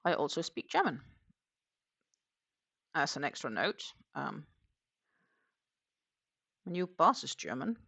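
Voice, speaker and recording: A Danish crochet livestream host with a Danish accent chats casually and answers viewer comments while working, thinking aloud with many fillers and trailing sentences. Her mid-range voice is slow, gravelly and husky, bright and forceful, with big pitch swings and frequent pauses. There is no echo.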